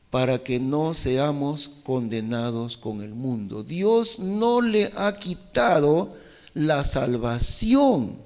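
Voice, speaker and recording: Slow, questioning Spanish-language Bible teacher man. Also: fairly high pitch, in a large hall. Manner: slow, questioning, rhetorical back-and-forth with the audience. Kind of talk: Bible study class sermon.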